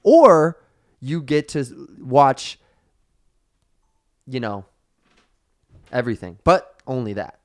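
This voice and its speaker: A man's voice: medium pitch, sing-song, slow pace, long pauses. A man co-hosting a podcast, speaking in a casual, conversational way. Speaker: podcast co-host.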